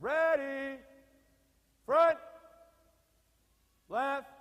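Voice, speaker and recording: A man shouting drawn out military drill commands as a parade commander, stretching out the syllables. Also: very high-pitched, extremely slow. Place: large indoor drill hall. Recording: dull recording in a cavernous reverberant hall.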